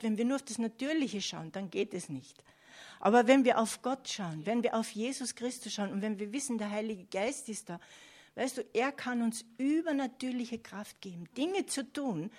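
A woman's voice: fairly high pitch, darkish tone. A woman preaching a sermon earnestly, often checking in with her listeners. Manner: earnest, with frequent "ja?" and "Amen" asides to listeners.

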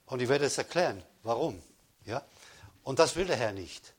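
Husky man preaching with emphatic force. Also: mid-range voice, expressive, normal speed. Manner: emphatic preaching with repeated praise calls, swinging between loud and hushed. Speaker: pastor. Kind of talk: sermon.

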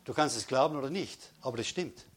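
A man giving a sermon as pastor, emphatic, with repeated calls of praise, swinging between loud declarations and hushed stresses. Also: mid-range voice, lively intonation, fast talker, husky.

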